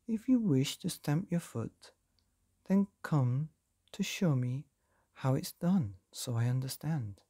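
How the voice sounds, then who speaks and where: A man voicing the sea in a storybook, calm and gently questioning. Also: on the high side, takes it slowly, breathy edge, full character voice. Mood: patient.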